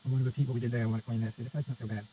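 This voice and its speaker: The presenter of a radio repair how-to races through his casual demo at an indoor workbench, muttering each step to himself and the viewer. His voice is medium in pitch with little movement, captured on a dull, lo-fi recording with faint noise.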